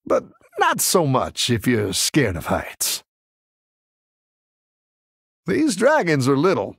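In game character voice lines, a male actor plays a friendly, encouraging tavern keeper who cares for little dragons, using a warm, folksy manner. The mid-range voice is gravelly and husky and heavily acted, captured in a dry, studio-quality recording.

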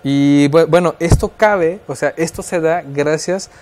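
As an expert guest on a radio show, a man with a Mexican Spanish accent thoughtfully explains child development, using fillers and restarting sentences. He speaks a little slowly in a slightly high, darkish voice.

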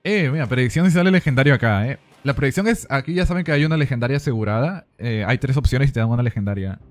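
A man streaming a game in casual chat, excitable, laughing often and repeating phrases. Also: medium pitch, quick pace, dry recording.

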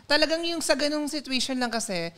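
High-voiced chatty Filipino man. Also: expressive, brisk, bright, forceful tone. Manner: chatty, storytelling, mixes English into Tagalog. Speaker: podcast co-host. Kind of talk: casual live podcast chat.

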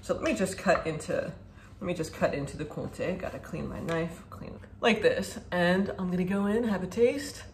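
Speaking at normal speed in a lowish register, a woman in her thirties reviews a food product casually, upbeat and chatty as she shows it off. She stands at a kitchen counter, filmed by a camera several feet away. The recording is echoey, with faint ambience and a little hiss or hum.

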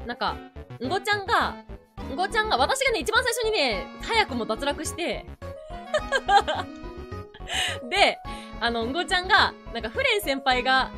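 A woman's voice: high voice, normal speed, long pauses, over music. A woman streamer in casual chat, telling a story animatedly and laughing often. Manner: animated, laughs a lot while recounting.

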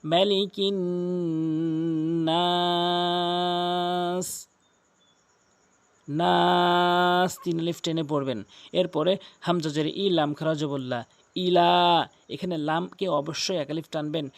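Emphatic high-voiced male recitation teacher. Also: fairly even intonation, vocal fry. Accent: Bangladeshi Bengali. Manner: emphatic, repeats sounds slowly for practice, stretches recited words. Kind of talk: spoken lesson with demonstrated recitation.

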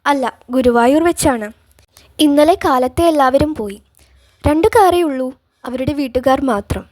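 A woman voicing a calm, gentle grown man who breaks hard news in a storybook reading. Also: high-pitched, normal speed, no room sound, studio quality, lightly acted. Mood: subdued.

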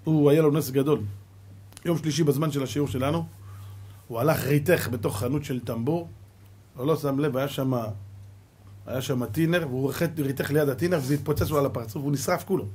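A middle-aged man, giving a Torah lesson as a rabbi and telling stories dramatically, swinging from loud exclamations to quiet asides. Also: fairly high pitch, steady tone, husky. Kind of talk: animated Torah lesson with storytelling.

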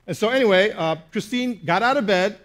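A pastor man with a high voice preaches a sermon. He tells an animated, self-mocking story and keeps checking in with "okay?". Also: brisk.

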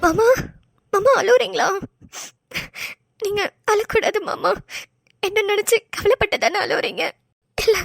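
A woman's voice: extremely high pitch, vocal fry, a bit bright, dry recording, exaggerated voice. A woman voicing a young woman who pleads tearfully with her beloved, close and dry.

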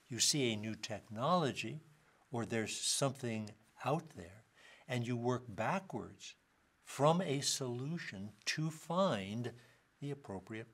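A man giving a university lecture, explaining ideas with dry wit and reading out short quotations. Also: medium pitch.

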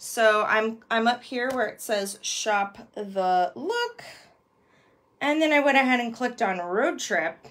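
This woman in her thirties, a bag consultant, demonstrates bags for a product vlog at a slow pace, with a fairly high pitch and lively intonation. She sounds chatty, upbeat and a bit bright, saying um a lot, and the mic sits well back in a small, echoey indoor room.

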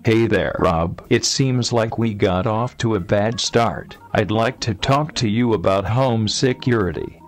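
A man performing a rude male robot telemarketer through a text-to-speech voice, with a flat, mocking sales pitch. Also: unhurried, few pauses, soft background music. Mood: smug. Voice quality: synthetic computer voice.

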